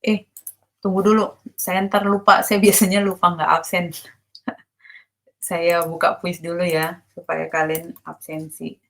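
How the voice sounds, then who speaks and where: A woman's voice: lowish voice, little pitch movement, a little slow, creaky, pauses often, fairly bright tone. Woman lecturing casually in an online class. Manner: explains casually, checks if students understand; mixes English terms into her speech. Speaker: university lecturer.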